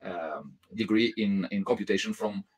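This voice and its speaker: A man in his fifties, hosting and introducing a guest speaker over a video call, halting with many pauses. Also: fairly low pitch. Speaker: host, moderator. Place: home office, indoors.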